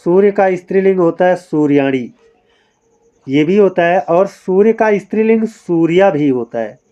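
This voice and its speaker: A man with a fairly high but mellow voice teaches grammar to exam students, asking rhetorical questions and tagging "है ना" onto his points. The sound is slightly dull and lo-fi. He mixes quiz answers with motivational advice. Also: lively intonation, normal speed, faint music behind. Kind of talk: online exam-prep lesson.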